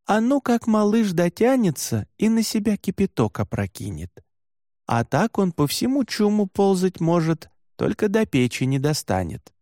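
A man reading an audiobook, voicing a kindly herder's wife who speaks gently and soothingly. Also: high voice, big pitch swings, moderate pace, dry recording, studio quality, voice pushed up. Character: kindly female herder's wife, calm and reassuring.

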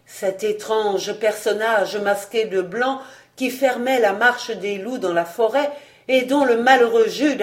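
A volunteer reader narrating a classic novel as an audiobook in a steady, expressive way. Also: mid-range voice.

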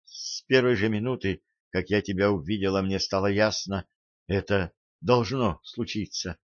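A man reading a young woman in love in a hushed, soft voice, in a storybook narration. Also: low voice, moderate pace, dry recording, muffled recording, natural voice. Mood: tender.

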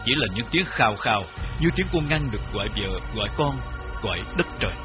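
A man reading his memoir aloud as narrator, in a grave, measured storytelling voice. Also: fairly low pitch, animated. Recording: slightly dull recording with faint music.

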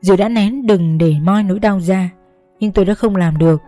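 A woman narrating an emotional first-person story in a slow, gentle, measured reading. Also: mid-range voice, dry recording. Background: faint background music.

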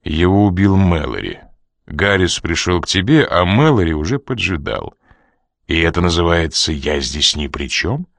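A man voicing a cold, menacing man who presses a woman with slow, quiet, threatening questions. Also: sits low, animated, creaky, dry recording, studio quality, heavily acted.

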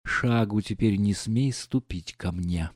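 A man's voice: on the low side, darkish tone, dry recording, clean studio sound. A man reading an audiobook, voicing an imperious, hot-tempered older noblewoman who scolds and snaps. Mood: indignant. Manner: scolding, quick to anger.

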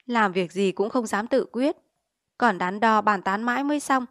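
A woman's voice: on the high side, moderate pace, a bit bright, no room sound, studio quality, close to an everyday voice. Storybook gossip, scornful young wife grumbling about her husband, read by a woman narrator.

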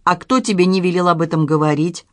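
A reader voicing a shrewd, unflappable middle-aged woman sleuth who speaks calmly and ironically, with quiet menace. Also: mid-range voice, fast talker, dry recording, studio quality, lightly acted. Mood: menacing.

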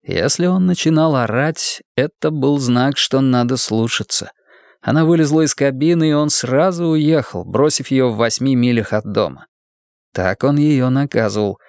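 A man reading an audiobook novel aloud in measured, scripted narration. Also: medium pitch, no echo, clean studio sound.

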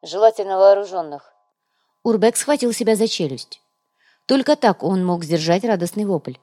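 A woman narrating an audiobook with even, lightly ironic storytelling. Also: mid-range voice, normal speed. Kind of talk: scripted narration.

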